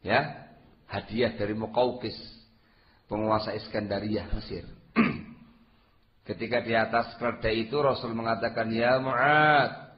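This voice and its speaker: A man preaching an Islamic sermon, emphatic and given to rhetorical questions, reciting Arabic phrases and swinging between loud and soft delivery. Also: lowish voice, steady tone, measured pace, long pauses, highs cut off. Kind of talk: sermon lecture.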